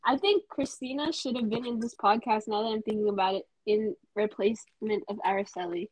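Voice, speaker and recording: A woman's voice: medium pitch, brisk, darkish tone, no room sound, rough recording. A young woman co-hosting a podcast in casual chat, teasing and laughing often. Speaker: podcast co-host.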